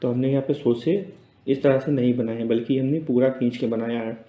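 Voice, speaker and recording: A patient male teacher talks through his lesson at an easy, unhurried pace. His voice is mellow and dark. It sounds a little roomy, with an echo around it. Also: mid-range voice, steady tone. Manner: patient, repeats words slowly and checks in with "theek hai". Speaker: Urdu teacher. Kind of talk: casual spoken lesson, explaining letters on a board.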